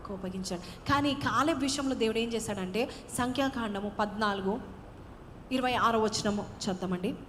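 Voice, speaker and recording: A woman's voice: on the high side, moderate pace, slight background noise. Woman pastor preaching in a hall. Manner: mixes English phrases into preaching, rising to loud proclamations. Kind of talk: sermon.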